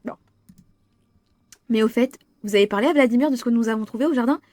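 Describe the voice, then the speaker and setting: A young woman reading game dialogue aloud and reacting excitably, often swearing and restarting lines. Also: on the high side, quick pace, dry recording. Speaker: gamer. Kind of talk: playing a visual novel aloud.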